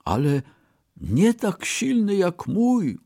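A man voicing a poor, excitable Brahmin in a storybook reading, raising his voice high and exclaiming. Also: extremely slow, dry recording, clean studio sound, heavily acted. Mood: insistent.

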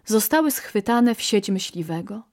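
A woman narrating a fable in a gentle, measured storybook style. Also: mid-range voice, lively intonation.

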